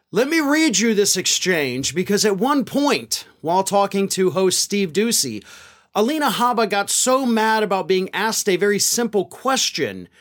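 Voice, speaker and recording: A man's voice: high-pitched, a bit bright. A man delivering political news commentary in an incredulous, sarcastic, exasperated way. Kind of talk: scripted-sounding news commentary.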